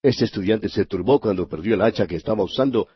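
A man teaching a Bible passage as a radio sermon, measured and earnest, pausing for emphasis. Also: fairly low pitch, husky, dry recording, highs cut off.

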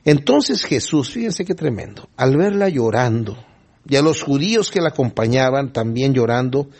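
A man's voice: a little high, darkish tone. A man preaching a sermon, reading Bible passages aloud and asking the congregation emphatic rhetorical questions. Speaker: pastor.

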